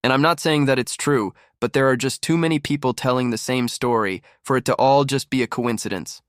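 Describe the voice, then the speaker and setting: A man's voice: mid-range voice, brisk, smooth, dry recording, clean studio sound. A man delivering scripted gossip commentary as a narrator.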